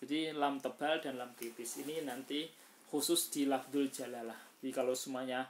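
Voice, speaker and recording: A man teaching recitation rules in a casual lesson, chanting example words slowly and louder, with many hesitant fillers as he explains. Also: mid-range voice, fairly even intonation, slight background noise.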